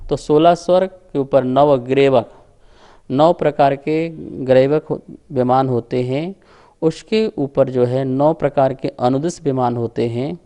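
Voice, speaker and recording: A man's voice: a little high, mellow. A man teaching a scripture class, explaining grammar patiently and leading the students in call-and-response recitation, chanting each sutra syllable by syllable.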